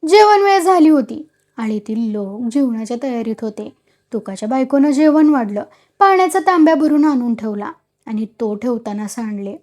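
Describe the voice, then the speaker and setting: A woman with a high, clear voice reads a classic short story aloud. Her delivery is expressive and dramatic, a storyteller's reading. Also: moderate pace.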